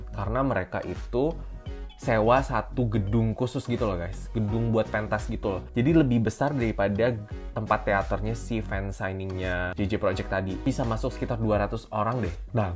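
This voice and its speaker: A young man from Indonesia chats through his stories in a casual vlog, calling out to viewers as he goes. His voice sits a little low. Faint music plays underneath. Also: a little mellow. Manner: chatty, addresses viewers as "guys". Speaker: vlogger. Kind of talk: casual storytelling to camera.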